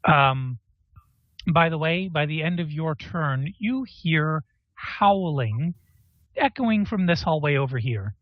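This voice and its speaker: A man running a tabletop game as game master, explaining rules and pausing to look them up. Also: on the high side, animated, no echo, muffled recording. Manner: explains rules while looking them up, many pauses.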